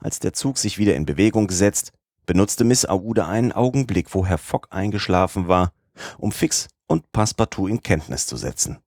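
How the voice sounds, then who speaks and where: A male audiobook narrator reading a classic novel in a measured, even way. His voice is deep. The recording is close and dry. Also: dry recording. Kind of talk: scripted narration.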